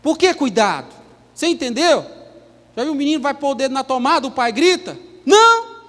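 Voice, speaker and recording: A man's voice: extremely high pitch, expressive, fairly quick, long reverb tail. A man with a Brazilian Portuguese accent preaching a sermon as pastor. He speaks emphatically and keeps asking the congregation rhetorical questions. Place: church.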